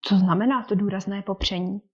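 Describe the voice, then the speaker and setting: A woman reading the lines of a dry, teasing older English gentleman and father in an audiobook. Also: medium pitch, fairly even intonation, husky, natural voice. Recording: dull lo-fi recording.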